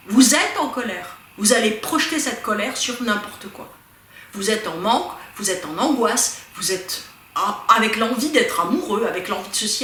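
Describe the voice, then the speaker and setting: A woman giving a casual spiritual talk, lively and animated, speaking straight to her listeners with many asides. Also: a little high, roomy sound. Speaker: spiritual teacher.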